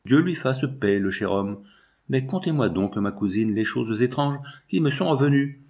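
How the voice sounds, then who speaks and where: A man's voice: medium pitch, lively intonation, moderate pace, a little mellow, close to an everyday voice. Grieving old lawyer, read by a man. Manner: impassioned, lamenting. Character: grieving older male lawyer, effusive and tender.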